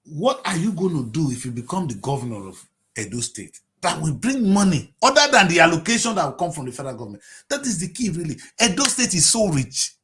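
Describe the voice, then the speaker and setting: A man in his late fifties with a Nigerian accent, giving impassioned political commentary on TV, firing off rhetorical questions and swinging between shouting and low mutters. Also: very animated, fast talker. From Nigeria (Delta State). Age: 50s.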